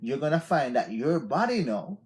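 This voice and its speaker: A man's voice: medium pitch, big pitch swings, normal speed, a little mellow. A man in his forties with a Jamaican accent who hosts an unscripted live stream and gives motivational talk in a loose, repetitive way, often saying "yeah, man". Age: 40s.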